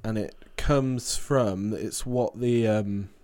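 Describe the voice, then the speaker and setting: A man's voice: fairly low pitch, slow, darkish tone, dry recording. A young man co-hosting a casual podcast chat, joking with a dry, teasing humour. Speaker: podcast co-host.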